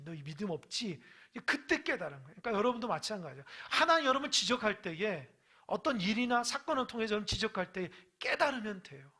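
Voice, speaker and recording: A male pastor preaching a midweek sermon who swings between quiet asides and shouted exhortation and keeps asking the congregation questions. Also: high voice.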